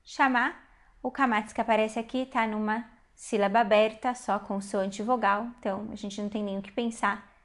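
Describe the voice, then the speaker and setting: A woman teaching a Hebrew reading lesson, explaining patiently step by step and slowing down to spell out syllables. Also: medium pitch, flat delivery. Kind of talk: online language lesson.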